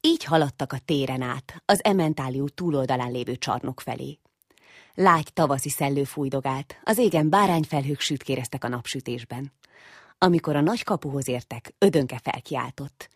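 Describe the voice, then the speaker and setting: Woman reading a kids story, really low voice, kinda husky. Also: no room sound, studio quality. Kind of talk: children's story narration.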